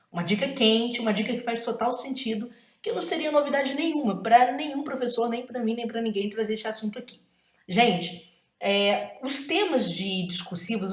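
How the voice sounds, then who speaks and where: A woman's voice: mid-range voice, echoey room. A woman with a Brazilian Portuguese accent gives an exam-prep writing lesson, emphatic and often checking in with tag questions.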